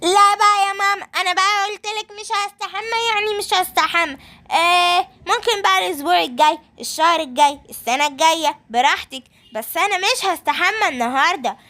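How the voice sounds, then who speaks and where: A woman's voice: very high-pitched, quick pace, pushed and bright. A woman with an Egyptian accent voicing a stubborn young male monkey who refuses to bathe, whiny and childlike. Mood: defiant. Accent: Egyptian Arabic.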